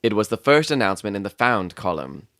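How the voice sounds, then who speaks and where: A man playing an earnest, thoughtful doctor who narrates a detective story in a measured, literary storytelling manner. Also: lowish voice, sing-song, fairly bright tone, dry recording, clean studio sound. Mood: pondering. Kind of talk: dramatic audiobook narration.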